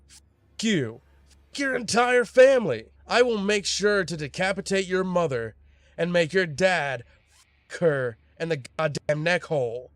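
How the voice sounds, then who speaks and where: A man's voice: high-pitched, expressive, measured pace, no room sound, pitched above the performer's own voice. A man voicing an enraged grown gamer who screams unhinged threats. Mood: furious.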